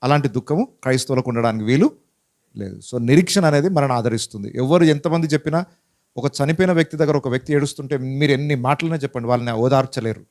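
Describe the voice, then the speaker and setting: A pastor preaching a Bible-teaching sermon in a conversational way, asking many rhetorical questions and mixing in English words. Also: male voice, mid-range voice, fast, darkish tone. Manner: mixes English words into his speech.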